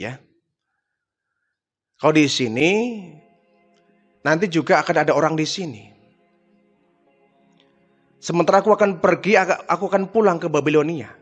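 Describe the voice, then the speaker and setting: Man doing a calm, firm prophet. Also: fairly high pitch, close to an everyday voice. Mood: resolute.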